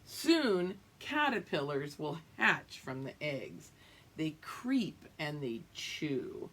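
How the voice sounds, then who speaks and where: A woman with a deep voice reads a picture book aloud to young pupils, with slight background noise in the clip. She draws the story out expressively, pausing to explain it and check in with the children as a teacher would.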